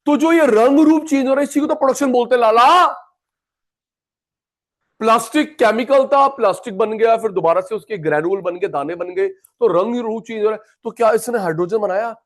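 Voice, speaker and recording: A man's voice: very high-pitched, a little fast. A man teaching an economics class, chatty and repetitive, calling students by name. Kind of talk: classroom lecture.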